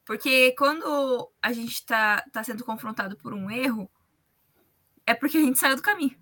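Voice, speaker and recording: A woman's voice: a little high, normal speed, sharp tone. A woman with a Brazilian Portuguese accent explaining things colloquially in a religious discussion.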